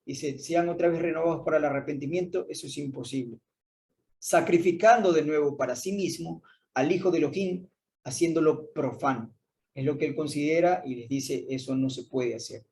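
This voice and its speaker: A man's voice: a little high, moderate pace, darkish tone, a little hiss or hum. A man teaching a verse-by-verse Bible study, explaining the text and repeating its key phrases.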